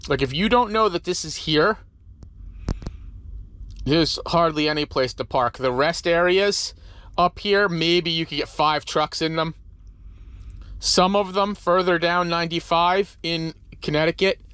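A man's voice: a little high, unhurried, fairly bright tone, smooth, dry recording. A man in his forties, a truck driver, rambling easily to a camera held at arm's length, first outdoors at a truck stop and then inside his truck cab. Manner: rambling, easygoing, talks with many fillers. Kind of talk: casual vlog talk to camera. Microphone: handheld camera at arm's length.

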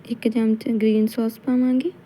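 Punjabi accent lady walking thru a recipe, real mellow dark voice, kinda flat, bit of hiss. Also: on the high side, normal speed, low-quality recording. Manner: calm step-by-step instruction. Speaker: cooking channel host. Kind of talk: cooking tutorial narration.

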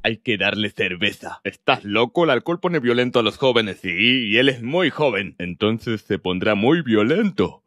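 A man's voice: on the low side, normal speed, few pauses, dry recording, pitched below the performer's own voice. Guy playing a bumbling dad in a skit, swings up and down a lot, dry close sound. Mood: goofy. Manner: lively, exaggerated comic delivery. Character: clueless bumbling dad, middle-aged man. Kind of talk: sketch comedy role-play.

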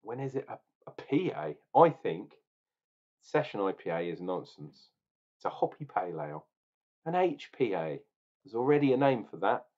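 A man's voice: fairly low pitch, big pitch swings, moderate pace, a little mellow. A man in his forties reviewing a beer at home, talking casually to a webcam in an opinionated, rambling, jokey way. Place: small room at home, indoors. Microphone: webcam at desk. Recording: dull lo-fi webcam sound.

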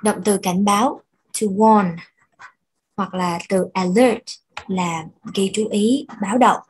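Slow, breathy woman teaching English. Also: medium pitch, rough recording. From Vietnam. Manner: slow, patient explaining, repeats words for pronunciation. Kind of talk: bilingual language lesson.

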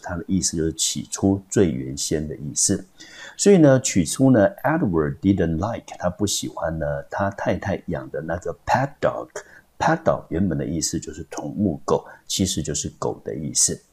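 A man's voice: low voice, sing-song, moderate pace, a little mellow, husky. A man teaching English vocabulary in Taiwanese Mandarin, explaining words step by step and spelling out their syllables. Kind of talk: vocabulary lesson.

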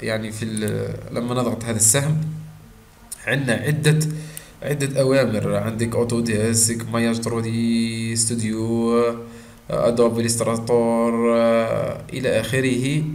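A man with an Algerian Arabic accent giving a screen-recorded software tutorial, pausing often on drawn-out fillers and mixing in French terms. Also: mid-range voice, little pitch movement. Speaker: software instructor. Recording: roomy echo with faint background noise.

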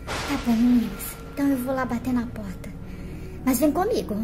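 Calm brave doll girl, high voice, reassuring , as a woman plays her. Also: moderate pace, over music, natural voice. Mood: soothing. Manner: soothing, reassuring. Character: calm, steady young woman doll who reassures friends.

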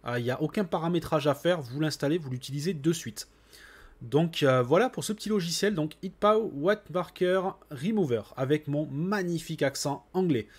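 A man's voice: on the high side, brisk, breathy edge. A man hosting a computer tutorial, casually talking viewers through a screen recording step by step, with frequent little fillers as he clicks. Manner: relaxed, chatty, with frequent "hop" and "voilà".

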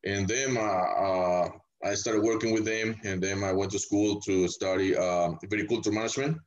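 Podcast guest: man from El Salvador, deep voice, easygoing and rambling, muffled lo-fi recording. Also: moderate pace. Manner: relaxed, rambling, many fillers. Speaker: winemaker guest. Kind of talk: casual podcast interview. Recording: dull lo-fi audio.

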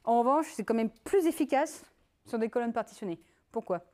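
Lively woman giving a tech talk. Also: on the high side, fairly quick. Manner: lively, conversational, with many fillers and asides. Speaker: conference speaker. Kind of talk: technical conference talk.

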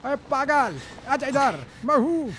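High-voiced excitable man shouting game commentary. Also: takes it slowly, slight background noise. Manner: shouty, taunting, playful banter with in-game enemies. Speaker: gamer commentating a horror game. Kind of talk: excited let's-play commentary.

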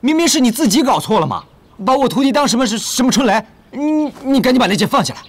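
An actor playing a bumbling self-styled kung fu master who blusters and stammers in a comic martial arts film. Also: male voice, very high voice, very animated, heavily acted. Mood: flustered. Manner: flustered, stammering, fast bluster.

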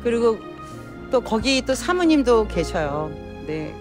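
With music in the background, this church member in her sixties speaks slowly in a fairly high voice with big pitch swings. Interviewed indoors in a hotel lobby lounge, she casually gives personal testimony into a handheld phone held close to her mouth by the interviewer.

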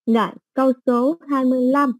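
A woman teaching an English exam-prep lesson, explaining slowly with everyday examples and many fillers. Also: high-pitched, steady tone, dry recording, poor audio.

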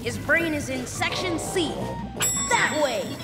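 A woman's voice: sits high, expressive, takes it slowly, exaggerated voice. A woman voicing Bradley, a playful, wisecracking cartoon boy. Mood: casual. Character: laid-back joking boy Bradley, gamer type. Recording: cartoon soundtrack with loud music.

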